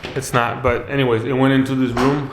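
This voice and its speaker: This man, an access control installer who hosts videos, talks through his work unscripted at an office job site indoors, explaining as he goes, thinking out loud, and frequently repeating phrases. He has a mid-range voice with a flat, brisk delivery, and the background is noisy.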